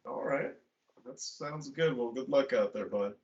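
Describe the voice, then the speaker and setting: A man's voice: mid-range voice, unhurried, darkish tone. A man playing a tabletop game in character, talking in a laid-back drawl. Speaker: player. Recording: dull lo-fi audio.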